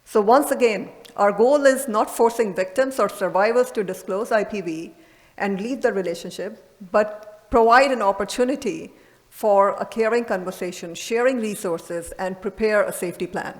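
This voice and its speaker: A female radiologist presents an earnest, emphatic lecture at a medical conference, her mid-range voice moving at a moderate pace. The recording carries the reverberation of a large hall.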